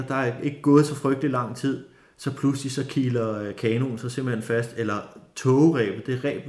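Man, casual storyteller, lots of fillers, echoey room. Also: medium pitch. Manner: lively storytelling with many fillers and restarts. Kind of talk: casual spoken anecdote. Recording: roomy echo.

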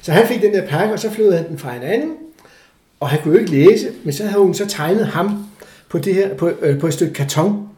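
In a relaxed interview, an older man with a rather high voice shares a personal story, animatedly imitating the voices of the people in it. The casual storytelling takes place in an echoey room.

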